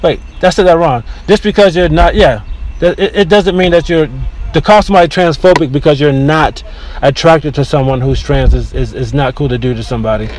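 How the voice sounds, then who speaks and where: A man hosting a casual solo podcast from inside his car, talking in an opinionated, rambling way with frequent restarts, over a low-quality recording. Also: a little fast. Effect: low-quality in-car recording with faint background noise. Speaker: podcast host. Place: inside a car near a beach.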